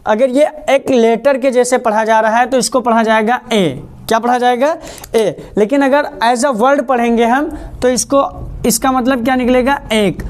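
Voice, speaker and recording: A woman's voice: fairly high pitch, a little mellow. A woman teaching a basic lesson, asking questions and answering them herself, repeating each point. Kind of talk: classroom-style lesson.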